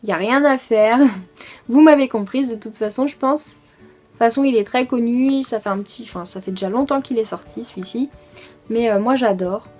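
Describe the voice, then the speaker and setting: A woman's voice: on the high side, normal speed, darkish tone, soft background music. A young French woman chatting casually through a makeup product review, enthusiastic and full of fillers. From France. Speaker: beauty vlogger.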